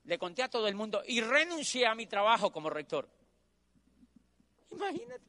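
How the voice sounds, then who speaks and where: A middle-aged Colombian man with a Colombian accent tells his story to an audience. His voice sits high for a man and sounds bright and forceful. He drives his points home by repeating phrases. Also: normal speed. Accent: Colombian Spanish. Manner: animated storyteller who repeats phrases for emphasis. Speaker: motivational speaker. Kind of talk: motivational storytelling talk.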